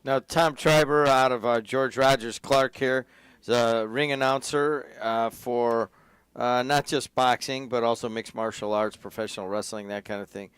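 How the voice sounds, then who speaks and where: A man's voice: medium pitch, fairly even intonation, normal speed, fairly bright tone, smooth, no echo. A man, asking casual questions as an interviewer.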